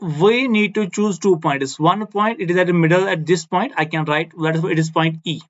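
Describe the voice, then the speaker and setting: A male physics teacher whose first language is Kashmiri gives a blackboard lecture, explaining step by step in simple English. His voice is high-pitched and a bit bright, at a moderate pace, and he repeats key phrases for emphasis while asking "no?" to check that students agree. The recording sounds slightly muffled and lo-fi.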